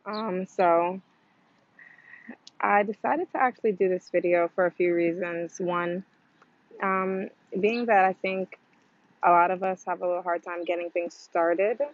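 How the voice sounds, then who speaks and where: A woman's voice: lowish voice, fairly even intonation, a little slow, dry recording. Chatty woman vlogging with dry, dull audio. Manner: rambling, filler-heavy, chatty with frequent "um" and "like"; acts out quoted voices in a livelier tone. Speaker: vlogger sharing her trading story. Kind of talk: casual talking-to-camera vlog.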